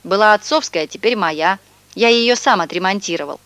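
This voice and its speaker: A woman's voice: medium pitch, normal speed, fairly bright tone, no echo, lightly acted. Woman doing an earnest, eager young boy.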